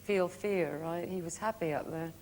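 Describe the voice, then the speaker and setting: A woman, a guest on a TV talk show, giving relaxed, brief answers. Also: fairly low pitch, normal speed. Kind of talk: casual chat. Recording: TV studio audio with long reverb and faint hiss.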